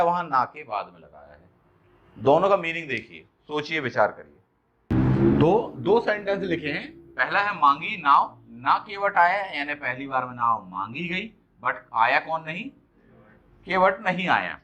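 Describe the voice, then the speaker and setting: A man teaching an exam-prep lecture, explaining step by step, checking understanding with questions and reading example lines slowly. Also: on the high side, pushed and bright, muffled recording. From India.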